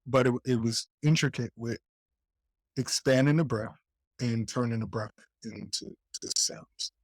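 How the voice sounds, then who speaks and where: A man interviewing a guest over a video call that sometimes drops out, talking in a halting way with many restarts. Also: mid-range voice, dry recording. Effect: heard over a video call, dropping out at times. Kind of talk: casual conversation.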